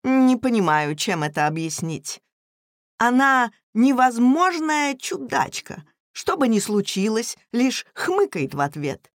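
A grumbling, put-upon middle-aged husband, as a woman narrating puts him on. He complains in an exasperated tone and drags his words slowly. The recording is dry and close. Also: on the high side, very animated, dry recording, pitched above the performer's own voice, heavily acted.

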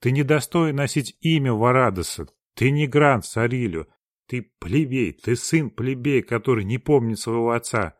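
A man's voice: deep voice, steady tone, a little slow, no echo, studio quality. A man doing a furious old grandee. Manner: shouting, furious, trembling declamation. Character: proud fiery old male grandee, obsessed with lineage.

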